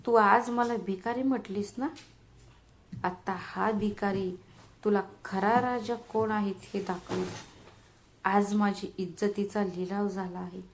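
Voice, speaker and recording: A woman's voice: mid-range voice, steady tone, slow, a little hiss or hum. A woman voicing a hurt, trembling old father-in-law speaking bitterly.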